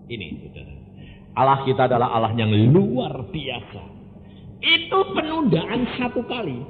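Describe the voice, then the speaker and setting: An older man with a Javanese accent, an evangelist telling a story in a sermon, swinging between loud exclamations and low asides. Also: wildly swooping pitch, normal speed. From Indonesia (Jepara, Central Java). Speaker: evangelist preacher. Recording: phone-like narrow sound in a reverberant hall with faint hiss.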